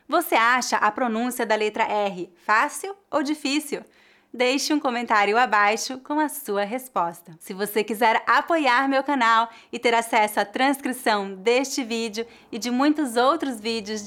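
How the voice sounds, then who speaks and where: A woman with a Brazilian Portuguese accent, teaching a scripted pronunciation lesson with clear, careful articulation. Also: a little high, fairly bright tone.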